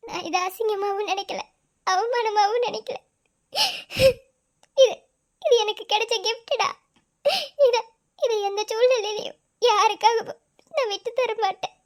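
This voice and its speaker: A woman voicing a young pregnant village woman in a cartoon, tender and steadfast, with a Madurai Tamil accent. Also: very high-pitched. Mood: tearful. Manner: soft, consoling, tearful at times. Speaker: cartoon character. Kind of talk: emotional cartoon drama dialogue.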